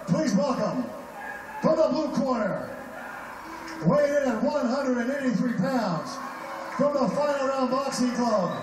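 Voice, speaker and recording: Booming high-pitched male arena announcer. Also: expressive, background noise. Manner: booming, drawn-out shouted announcements. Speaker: ring announcer. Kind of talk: arena announcer introducing boxers. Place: large event hall, heard through a television. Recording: echoey distant television playback, music behind.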